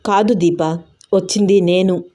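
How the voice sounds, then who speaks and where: A woman's voice: medium pitch, flat delivery, measured pace, dark tone, natural voice. Woman voicing a stern young man. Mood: serious. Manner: serious, firm.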